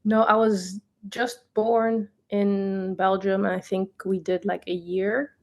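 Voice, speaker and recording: A young woman who grew up in Tanzania, answering interview questions in a reflective, unhurried way. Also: mid-range voice, flat delivery, darkish tone. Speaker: guest, designer.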